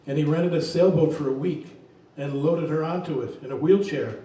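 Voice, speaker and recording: A man reading his poems aloud at a reading event, in a slow, measured voice. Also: on the high side, mellow. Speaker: poet reading his work. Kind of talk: poetry reading. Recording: very echoey room, distant mic.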